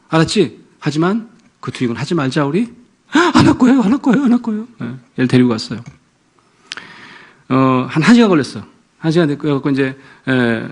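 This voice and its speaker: A man with a slightly high, husky voice addresses parents as a pastor. His pitch leaps around as he tells stories. He acts out the scenes he describes. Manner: animated storytelling, acting out scenes. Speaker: pastor and professor. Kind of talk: lecture to parents.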